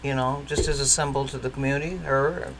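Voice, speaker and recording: A woman's voice: rumbling low, little pitch movement, brisk, slight background noise, rough recording. A woman from Detroit hosting a casual interview, chatty and probing, pushing back on her guest. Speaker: talk show host.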